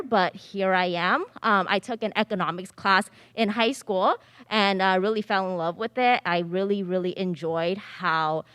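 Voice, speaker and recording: Smooth-voiced woman giving a panel talk. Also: mid-range voice, a bit bright, no room sound, clean studio sound. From Southern California, United States. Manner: casual, conversational and upbeat. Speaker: panelist speaking on finance. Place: library theatre stage.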